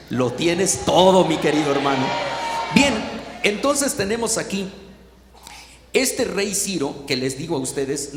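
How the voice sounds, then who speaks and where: Fervent preacher in an echoey hall. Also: male voice, a little high, a little hiss or hum. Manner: fervent storytelling, calls out to the congregation. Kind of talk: sermon.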